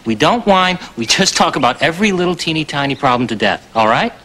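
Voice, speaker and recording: An actor playing a touchy young nursery-rhyme husband in a TV musical comedy, arguing defensively. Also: male voice, on the high side, big pitch swings, quick pace, pushed and bright, full character voice. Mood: bickering. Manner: defensive, bickering. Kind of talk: live-action TV musical comedy acting.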